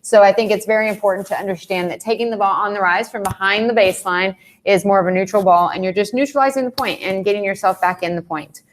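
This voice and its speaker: This tennis coach talks quickly, with barely a pause, her medium-pitched voice set against slight background noise. She's explaining match strategy on a casual live panel, leaning heavily on fillers like "um" and "like."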